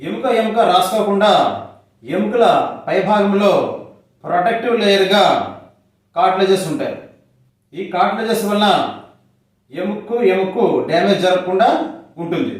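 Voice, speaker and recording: A man with a Telugu accent, narrating a scripted health lesson in steady, measured phrases. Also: high voice. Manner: steady, measured delivery in short listed phrases. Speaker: homeopathy health educator. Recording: very echoey, from far off the mic.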